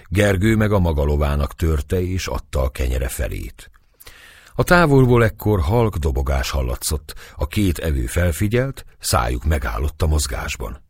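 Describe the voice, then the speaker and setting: Deep husky storybook narrator. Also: male voice, no room sound, studio quality. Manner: expressive storytelling reading. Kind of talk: audiobook narration.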